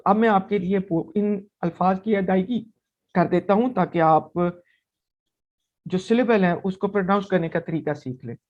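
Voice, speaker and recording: Slow, patient male language teacher. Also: high voice, muffled recording. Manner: patient, explanatory, repeats vowels slowly one by one. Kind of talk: language lesson.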